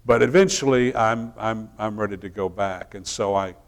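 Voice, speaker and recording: A middle-aged male minister telling a personal story in a relaxed, folksy sermon style, often restarting his sentences. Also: on the low side, normal speed.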